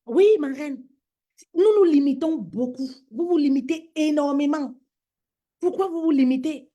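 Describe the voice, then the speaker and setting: Speaking a little slowly in a warm, high-pitched voice, this woman preaches to women during a social media live. Her manner is emphatic and repetitive, and she calls her listeners her queens, addressing each as "my queen."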